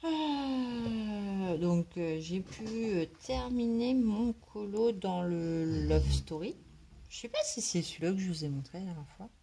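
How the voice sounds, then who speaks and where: A woman's voice: mid-range voice, animated, a little slow, vocal fry, mellow, slight background noise. A woman chatting casually to her vlog while she colours, hesitant and rambling as she thinks aloud. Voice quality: slight smoker's cough. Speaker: craft vlogger colouring in a book.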